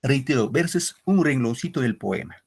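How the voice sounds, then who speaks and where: A middle-aged male literature teacher giving an online class, explaining slowly with repetitions and frequent "¿no?" checks to his pupils. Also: medium pitch, animated, darkish tone, slightly rough. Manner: explains with repetition and asks "¿no?" often; addresses pupils as "queridos muchachos".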